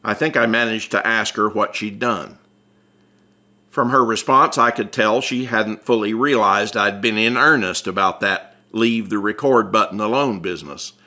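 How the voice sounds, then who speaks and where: An American man from Atlanta reads his own memoir for an audiobook, telling it in a wry, conversational way. His voice is on the low side, pushed and bright, at a normal speed. It's scripted first-person narration in a conversational memoir style.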